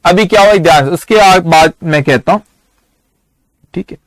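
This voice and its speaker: A man's voice: sits high, normal speed, no echo. A man teaching accounting in a live online lecture, asking students questions and answering them himself.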